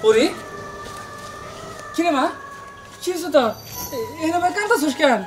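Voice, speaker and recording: A woman voicing a gentle, soothing village father who comforts his young daughter. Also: high voice, very animated, moderate pace, voice pushed down. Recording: music playing under the voice, heard from off-mic.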